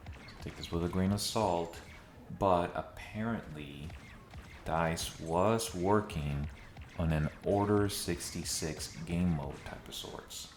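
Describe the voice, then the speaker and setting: A low-pitched male video essayist chats casually with his viewers, sometimes dryly sarcastic. He's in a mostly empty room of a new home, so the recording has heavy, echoey reverb and slight background noise.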